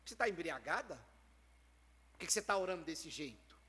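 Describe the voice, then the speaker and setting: A man's voice: fairly high pitch, very animated, brisk, pushed and bright, slightly rough, big-room sound, voice pushed down, heavily acted. A man voicing a judging priest who scornfully accuses a woman of being drunk. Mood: accusing.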